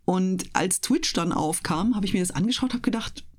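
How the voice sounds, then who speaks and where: Guesting on a casual radio interview, a woman who works as a voice actress and streamer talks through things thoughtfully in colloquial, youthful slang. Her voice is lowish and darkish, with lively intonation at a moderate pace.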